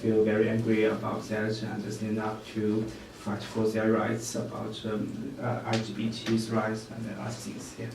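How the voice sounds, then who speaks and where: A male student in a group discussion, speaking haltingly with many fillers. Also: on the low side, completely flat delivery. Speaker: student participant. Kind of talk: casual discussion. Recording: very echoey room from far off, noisy.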